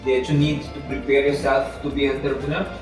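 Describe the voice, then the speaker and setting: A man's voice: medium pitch, little pitch movement, brisk. A man asking short interview questions as the interviewer. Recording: very echoey, distant, music behind.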